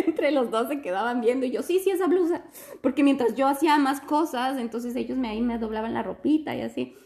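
A young woman from Quito with an Ecuadorian Spanish accent, telling a story in casual chat with animated bursts of laughter. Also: sits high, a little fast, vocal fry. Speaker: guest telling her story.

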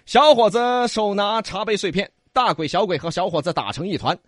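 A man with a Sichuanese accent telling a folk tale in a joking, animated comic two-hander. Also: sits high, fairly quick, no room sound, studio quality. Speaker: storyteller.

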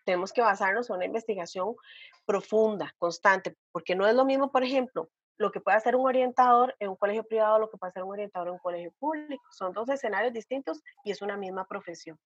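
A woman's voice: mid-range voice, fast talker, breathy edge, dry recording. A woman, a vocational counselor giving earnest, emphatic advice in a podcast conversation. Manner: earnest, emphatic, repeats key points, asks rhetorical questions. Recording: dull lo-fi dry sound.

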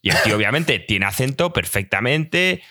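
A man's voice: medium pitch, big pitch swings, normal speed, bright, forceful tone. A man with a Spain Spanish accent, arguing emphatically and swearing a lot as a podcast co-host in heated casual chat.

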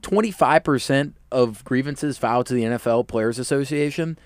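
A man's voice: medium pitch, normal speed, no room sound. Sports talk host prompting his co-host. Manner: interjecting, prompting with questions. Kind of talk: sports talk show discussion.

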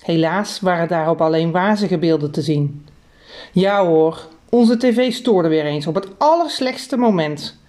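A woman narrating a children's story in a lively, expressive reading. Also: lowish voice, unhurried.

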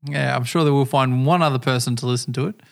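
Australian man, podcast co-host, gravelly voice, casual banter, laughs a lot, swears freely. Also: medium pitch, steady tone, fast. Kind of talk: casual chat.

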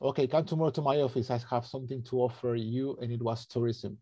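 A man's voice: medium pitch, steady tone, quick pace, mellow, no room sound. A man in his thirties from Argentina, with an Argentine accent, a native Spanish speaker, answering interview questions as a guest naturalist guide in a friendly, hesitant way. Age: 30s.

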